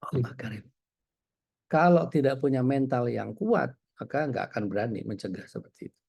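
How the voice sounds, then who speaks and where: Gravelly, mellow-voiced male preacher. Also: mid-range voice, fairly quick. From Indonesia. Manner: relaxed, storytelling, frequent hesitations. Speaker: Islamic preacher. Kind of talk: conversational religious lecture.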